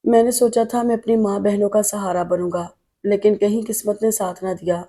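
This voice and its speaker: A woman's voice: medium pitch, level tone, warm tone, close to an everyday voice. A woman voicing a broken, defeated young man speaking sorrowfully in an audiobook interview scene.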